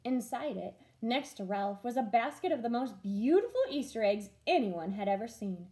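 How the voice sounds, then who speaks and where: Reading a children's story aloud, a woman teacher uses a fairly high, mellow voice at normal speed. Her intonation stays very animated and expressive the whole way through.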